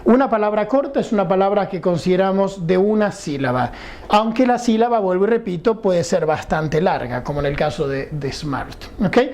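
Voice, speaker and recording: An English teacher records a lesson in a high, expressive voice with a darkish tone, moving at a moderate pace. He explains things patiently, asks rhetorical questions, and frequently makes sure his students keep up.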